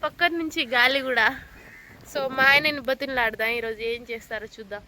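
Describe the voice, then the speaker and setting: A woman's voice: a little high, brisk, sharp tone, a little hiss or hum. A woman vlogger chatting casually at home in a playful, teasing, coaxing way. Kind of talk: casual home vlog chat.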